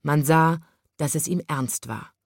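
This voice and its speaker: Woman reading a kids story, lively, lowish voice, dry. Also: measured pace, creaky, no echo. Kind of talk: reading a children's story aloud.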